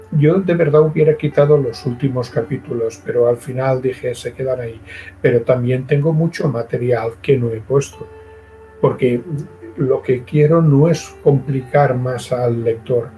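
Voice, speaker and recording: A man being interviewed as a guest author answers in halting, restart-filled sentences. His voice is mid-pitched and warm, with a mellow softness. Faint music plays behind him. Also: poor audio. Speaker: guest writer. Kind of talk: casual interview chat.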